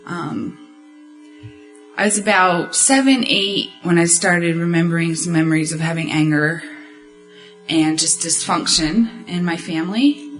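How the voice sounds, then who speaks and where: A woman in her thirties who grew up in Florida, giving a personal testimony hesitantly, with many pauses and fillers. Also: on the low side, faint music behind, low-quality recording. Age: 30s. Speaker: program participant.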